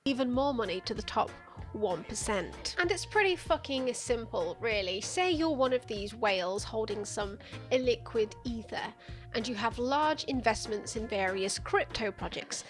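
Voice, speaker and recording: A woman's voice: a little high, expressive, normal speed, faint music behind. A woman giving sardonic, profane scripted narration for a video essay. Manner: sarcastic, profane, playful.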